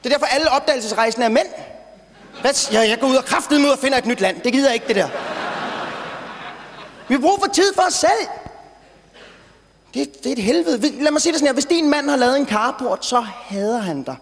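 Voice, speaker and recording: A man's voice: extremely high pitch, animated, pauses often. A young man doing a brash, rambling stand-up routine on stage, sometimes stuttering when worked up. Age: young adult. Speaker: stand-up comedian. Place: stage in a large hall before an audience. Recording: reverberant hall, faint noise.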